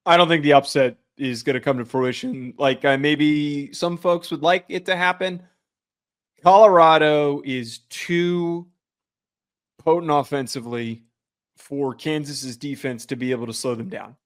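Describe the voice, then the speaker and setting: A man's voice: a little high, a little slow. Confident man giving sports betting picks. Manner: analytical, confident betting takes. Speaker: podcast co-host. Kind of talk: casual sports picks chat.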